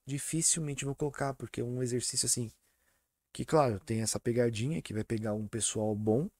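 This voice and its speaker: A man's voice: mid-range voice, darkish tone, dry recording, studio quality. A man teaching an online exam-prep English lesson, patient and repetitive, often checking that students follow. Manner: repeats and spells out words slowly.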